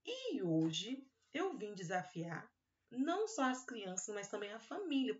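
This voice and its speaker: A woman with a Brazilian accent, a kindergarten teacher giving a recorded class for young children. She stretches syllables slowly and talks fondly to the kids. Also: mid-range voice, lo-fi sound. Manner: drawn-out syllables and fond little-word talk to children.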